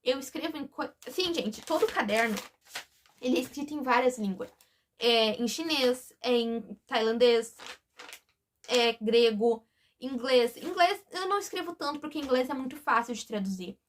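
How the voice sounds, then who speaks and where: A woman's voice: sits high, moderate pace, slight background noise. A woman speaking in a hesitant, emotional, confiding way in a confessional vlog, often breaking off and restarting. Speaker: vlogger.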